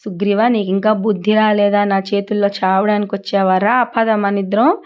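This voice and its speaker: A woman's voice: medium pitch, little pitch movement, normal speed, darkish tone, smooth, natural voice. A woman storyteller voicing a mighty, arrogant male monkey king who taunts his brother. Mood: taunting. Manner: taunting, scornful.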